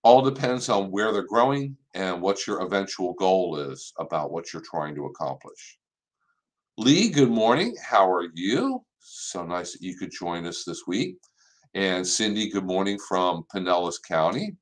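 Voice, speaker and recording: A man in his sixties hosting a live online plant clinic from his office, giving practical advice in a relaxed, conversational way with the odd filler. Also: sits low, unhurried. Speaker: extension horticulture host. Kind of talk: live-stream gardening Q&A. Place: office with framed certificates on the wall.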